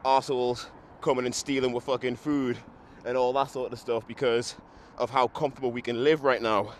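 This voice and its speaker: Casting: young man, hungover, blunt and sweary walking vlog, medium pitch, some street noise. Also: little pitch movement, brisk. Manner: sweary, blunt, self-mocking. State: hungover, still a bit drunk after a run. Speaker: podcaster. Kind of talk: casual walking monologue to camera. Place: outdoors, walking along a street. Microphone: handheld microphone and camera. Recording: noisy outdoor recording with traffic.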